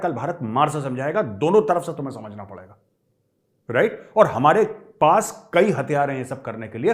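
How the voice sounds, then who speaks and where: A man giving fiery, taunting political commentary straight to his viewers, addressing them as friends. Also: a little high.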